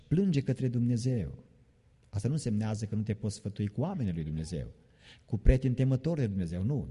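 A man's voice: on the low side, mellow, breathy edge. A man preaching an evening sermon in a church, emphatic, repeating key phrases and joking mockingly. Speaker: pastor. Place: church sanctuary. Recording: long reverb of a church hall.

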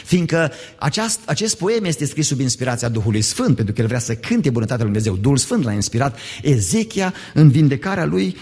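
A male pastor preaching a sermon in a church, animated and asking the congregation rhetorical questions. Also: mid-range voice, few pauses, slightly rough. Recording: long church hall reverb.

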